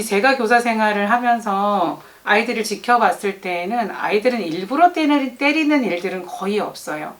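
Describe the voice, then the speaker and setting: A middle-aged woman who teaches young children speaks gently and patiently to mothers. She sits at a medium pitch and explains calmly in an advice talk. Now and then she slips into a child's or a teacher's voice to act out a scene. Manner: gentle, addresses mothers directly, acts out children's and teachers' lines.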